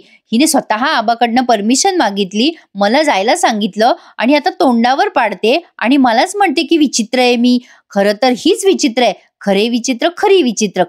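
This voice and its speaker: A woman's voice: on the high side, dry recording, clean studio sound, close to an everyday voice. A woman voicing a young husband from a TV serial, sweet-talking and pleading with his wife. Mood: muttering. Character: young husband, coaxing then baffled.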